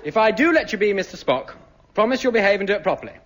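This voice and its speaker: Bossy comic narrator guy, high and bouncy, loud crowd. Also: animated, racing. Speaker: narrator playing a bossy teacher. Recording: live audience laughter, noisy.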